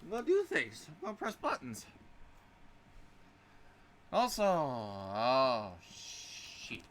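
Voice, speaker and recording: A man's voice: medium pitch, wildly swooping pitch, slow, a bit bright, a little hiss or hum. A man streaming a game live, tossing off loose, joking asides.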